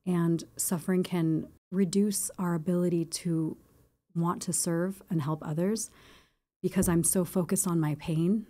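A woman's voice: fairly low pitch, steady tone, a little slow, mellow. A woman in her forties, a guest on a studio podcast, talking in a reflective, rambling way with many fillers. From born in Japan. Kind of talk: casual interview chat. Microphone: boom mic on arm.

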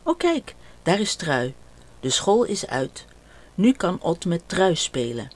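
An older woman voicing a gentle, patient mother with a soothing tone in a children's story. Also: lowish voice, big pitch swings, slow pace, full character voice. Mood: caring.

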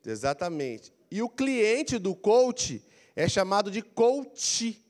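Lively high-voiced Brazilian coaching lecturer. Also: male voice, takes it slowly. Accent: Brazilian Portuguese. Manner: animated, prompts audience to repeat phrases. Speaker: career coaching speaker. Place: large council auditorium. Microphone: handheld mic, walking the floor.

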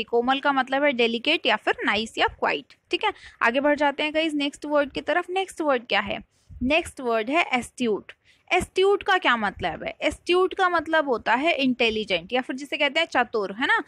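A woman with an Indian English accent teaching vocabulary in an online lesson, repeating key words and asking the viewer quick checking questions. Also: high voice, bright, forceful tone, dry recording, clean studio sound.

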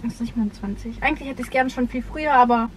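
A woman's voice: fairly high pitch, quick pace, poor audio. A young woman chatting casually with a friend while eating, talking with her mouth full of fries in a car. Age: young adult. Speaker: friend and co-worker of the vlogger. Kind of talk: casual chat. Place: inside a car. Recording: car noise behind the voice.

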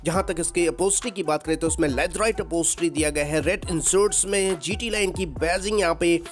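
A man with a fairly high voice presents a car walkaround review, working through features one after another at an even pace. Soft music plays faintly behind him. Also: fairly quick. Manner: steady feature-by-feature listing. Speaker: car reviewer and channel host.

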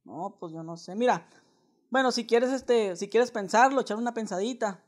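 A young man with a Mexican accent makes a casual prank phone call from a small living room indoors, talking in a slangy, wheedling, mock-earnest way. His voice is high-pitched and moderately paced.

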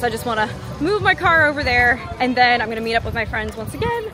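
A woman vlogger chatting casually and expressively to her viewers. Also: fairly high pitch. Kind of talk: casual vlog chat to viewers. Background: music.

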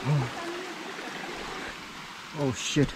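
Man vlogging breathlessly on a hiking trail. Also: extremely slow. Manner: chatty, talking to camera while hiking. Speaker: travel vlogger. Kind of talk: casual hiking vlog. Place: outdoors on a mountain trail. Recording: noisy outdoor camera audio.

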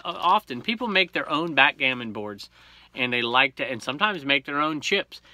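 A man in his forties chats through his latest resale finds in an upbeat, rambling way, often correcting himself mid-sentence. His voice is very bright and sits at a middle pitch. He is close to a camera held at arm's length in a small home room. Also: no room sound. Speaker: reseller vlogger. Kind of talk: casual haul vlog. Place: small cluttered home room full of collectibles.

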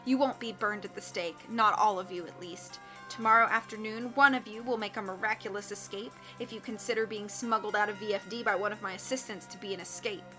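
A woman's voice: mid-range voice, steady tone, a little fast, few pauses, pushed and bright, soft background music, lightly acted. A woman voicing a wheezy, smug male villain in a detective disguise, speaking with sneering cruelty in a storybook reading.

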